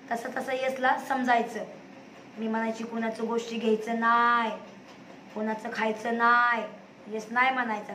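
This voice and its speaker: A woman's voice: on the high side, fairly bright tone. A woman, telling her own story to viewers in an emphatic, repetitive, indignant way. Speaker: vlogger, single mother. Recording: echoey room with faint noise.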